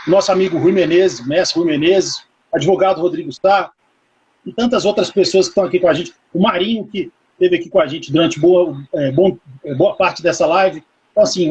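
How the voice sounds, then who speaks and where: A man hosts a live interview and wraps it up with effusive thanks and greetings. His voice sits high and sounds very raspy. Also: darkish tone, lo-fi sound. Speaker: host.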